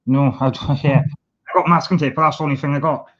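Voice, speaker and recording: A man hosting a relaxed video call, easygoing and agreeable, answering with quick yeahs. His voice is a touch high. The sound is dull, lo-fi call audio. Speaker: host. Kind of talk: casual video-call chat.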